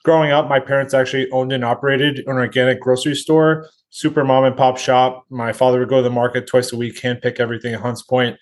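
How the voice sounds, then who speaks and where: A man in his thirties, a restaurant co-founder, telling his founding story in a relaxed way. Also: medium pitch, fast, few pauses. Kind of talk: interview guest.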